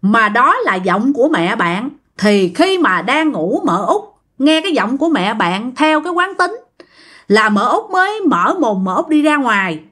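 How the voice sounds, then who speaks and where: A woman's voice: a little high, sing-song, measured pace, fairly bright tone. A woman with a Southern Vietnamese accent narrating a ghost story in a chatty way, talking straight to her listeners. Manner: chatty, addresses listeners directly.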